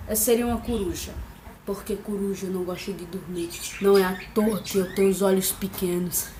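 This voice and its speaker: A woman's voice: mid-range voice, steady tone, a little fast. A woman answering tag questions in a casual vlog, playful and jokey, making little sound effects. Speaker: vlogger. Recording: echoey room with faint background noise.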